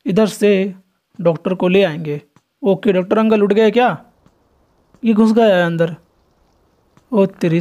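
A young man talks his way through a horror game with a fairly high voice. He is chatty and excitable, and keeps addressing his viewers as he plays. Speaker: gameplay streamer. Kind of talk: casual gameplay commentary.

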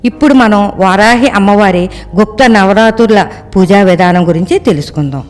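A devotional presenter calmly explaining ritual rules and items in a steady, itemized way. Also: mid-range voice, a little fast. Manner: calm, steady itemized listing. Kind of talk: instructional narration of a ritual. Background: faint background music.

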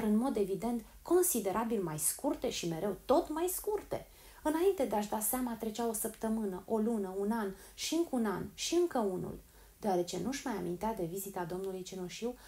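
A woman narrating a storybook in a calm, measured reading voice. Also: mid-range voice. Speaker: audiobook narrator.

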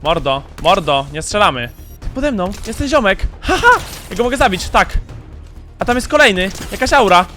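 A young man from Poland giving excited commentary over his own game, with sudden shouts and quick muttered asides. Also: high voice, soft background music. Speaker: gaming YouTuber.

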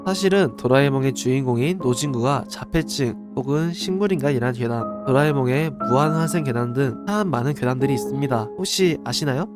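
A man's voice: mid-range voice, a little fast, few pauses. A man hosting a radio-style show, telling urban legends conversationally and explaining them with questions to his listeners. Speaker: radio-style horror story channel host. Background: music behind the voice.

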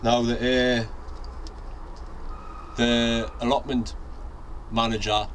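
Speaking slowly in a level, mid-range, slightly bright voice, a man in his forties with a Northeast English accent from North East England chats casually to a handheld camera, rambling with ums and restarts. As an allotment vlogger he films outside in the allotment garden, then inside a shed on a fixed camera. Traffic and sirens sound in the outdoor ambience.

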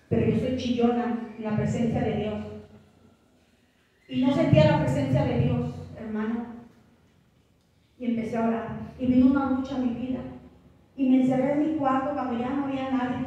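A woman's voice: sits high, mellow. A woman pastor preaching a fervent sermon to her congregation, often calling out to them directly. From Mexico. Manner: fervent, keeps calling listeners "hermano". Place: church hall. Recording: echoey church hall, far from mic.

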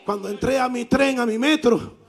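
Man preacher, very high voice, animated storytelling sermon, bursts of shouting, church. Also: normal speed.

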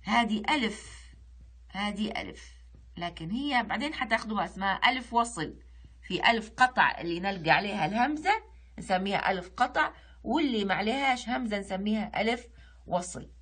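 A Libyan woman teacher leads a children's reading lesson online. Her voice is slightly husky, and her pitch rises and falls widely. She recites lines slowly, word by word, then explains how to pronounce them. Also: lively intonation, fairly bright tone. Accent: Libyan Arabic. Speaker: primary school Arabic teacher.

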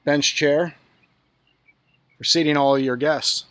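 A man's voice: fairly high pitch, takes it slowly. Man touring a boat on camera. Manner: relaxed, talks to viewers while walking around. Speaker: yacht broker giving a boat tour. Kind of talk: casual walkthrough narration. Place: on a boat, outdoors then in the cabin.

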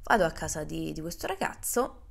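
A young woman from Italy, telling a lively casual story to her viewers and acting out the quotes. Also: low-pitched, a little fast, creaky, slightly rough. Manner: animated, acts out quotes in English. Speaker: vlogger.

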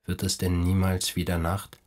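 A man's voice: low voice, completely flat delivery, lightly acted. Man reading as a tormented, despairing young man. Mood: bitter. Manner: slow, halting, anguished delivery.

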